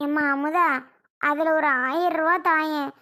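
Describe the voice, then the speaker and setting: A woman's voice: high voice, steady tone, a little slow, bright, forceful tone. A woman voicing a stingy, scolded old mother-in-law who whines and pleads in a family skit. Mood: whining. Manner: whiny, pleading.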